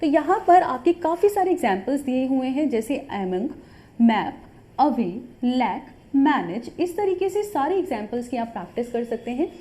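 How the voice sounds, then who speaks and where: Her warm voice sits high and has a sing-song lilt at normal speed. She patiently walks the listener through a shorthand lesson step by step, repeating points and frequently checking in with "ठीक है".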